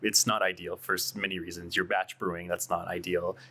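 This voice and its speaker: A man's voice: low-pitched, level tone, fairly quick, pushed and bright. A man, a coffee shop co-owner, talking casually as a podcast guest and working through his reasoning with fillers.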